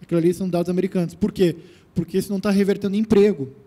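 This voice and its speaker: A man's voice: high voice, steady tone, racing, mellow. A man answering as a panelist at a conference, thoughtful and full of rhetorical questions. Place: conference hall.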